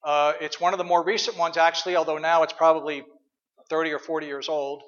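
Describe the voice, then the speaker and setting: A male pastor giving a sermon in a church, conversational and reflective, often pausing on fillers. His voice sits somewhat high for a man. The recording is dull and lo-fi. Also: little pitch movement, a bit bright, in a large hall.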